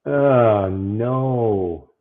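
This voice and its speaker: Man, muffled as if through a wall, earbud mic, thin phone-like sound, halting casual chat. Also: fairly low pitch. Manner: flustered, halting, many fillers and restarts. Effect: muffled, as if heard through a wall. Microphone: earbuds instead of his microphone.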